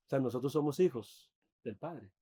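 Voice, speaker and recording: A man preaching a sermon as pastor, earnest, often dropping to soft, intimate tones. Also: medium pitch, normal speed, husky.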